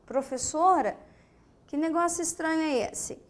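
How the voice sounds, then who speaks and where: A Brazilian Portuguese teacher with a high, bright voice walks her class through sounds and letters. She speaks slowly, asks questions of her students, and counts aloud. She often sounds out a letter as a short breathy puff. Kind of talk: classroom lesson explaining phonetics.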